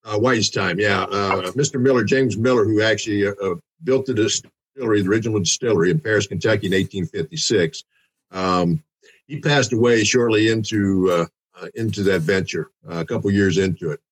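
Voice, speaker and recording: A man, a distiller guest on a podcast, telling history in a halting way. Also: on the low side, slightly rough, rough recording. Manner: halting, many fillers and restarts. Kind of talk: casual interview talk.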